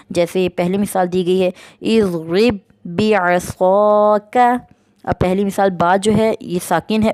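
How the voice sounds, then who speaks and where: A woman's voice: lowish voice, darkish tone, no room sound. A woman teaching a Quran reading lesson, explaining patiently and drawing out each example word. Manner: slow, patient explaining, drawn-out recitation of example words. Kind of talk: recorded lesson.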